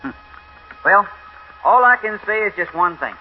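An actor playing an easygoing cowboy sidekick in a 1950s radio drama, drawling and casual with hesitant fillers, on a dull lo-fi old recording. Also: male voice, sits high, animated, normal speed, soft background music.

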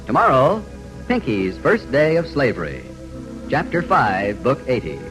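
A male announcer delivers a chipper 1950s radio ad with widely swooping, animated pitch. His delivery is emphatic, on an old broadcast recording with music. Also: unhurried, low-quality recording.

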